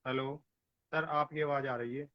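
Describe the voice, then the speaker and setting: A man's voice: medium pitch, fairly even intonation, moderate pace, dry recording. Hesitant male caller over a breaking call line. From Palwal district, Haryana, India. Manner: hesitant, stops and restarts, says "sir" often. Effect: heard over an online call line that keeps breaking up. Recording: dull, dry call audio.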